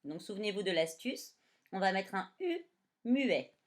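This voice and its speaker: A woman teaching a dictation lesson to young children, sounding out words syllable by syllable. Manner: slow, syllable-by-syllable spelling with lively pitch. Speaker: primary school teacher.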